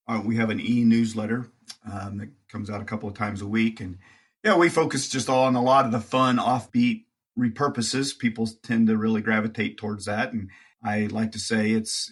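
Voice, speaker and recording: Give me a man talking as a podcast guest, with a husky, slightly rough tone. He talks about his business with chatty enthusiasm, like a seasoned salesman. His pitch sits in the middle for a man. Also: fairly bright tone. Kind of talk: casual podcast interview.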